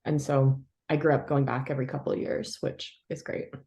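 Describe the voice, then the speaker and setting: An American historian, a woman with a bass voice and flat delivery, answers interview questions thoughtfully but haltingly. Her speech is full of fillers and soft laughs.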